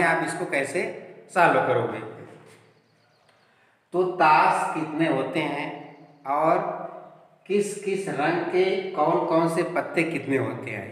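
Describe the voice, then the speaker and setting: A man's voice: a little high, a bit bright. A man teaching a math lesson at a classroom board, explaining step by step and asking the class questions. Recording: very echoey room with long reverb.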